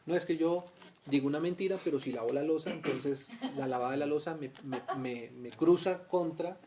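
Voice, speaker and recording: A man's voice: fairly high pitch, brisk, a crowd in the background. A man from Colombia leading a conversational Bible study, often checking in with his listeners and acting out small everyday scenes. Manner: asks "¿cierto?" often, acts out little scenes. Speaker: Bible teacher.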